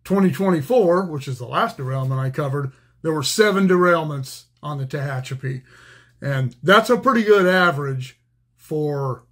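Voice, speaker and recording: Plainspoken older retired railroader, fairly high. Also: male voice. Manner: conversational, many fillers and restarts, plainspoken. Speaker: retired railroader, channel host. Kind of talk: casual explainer monologue.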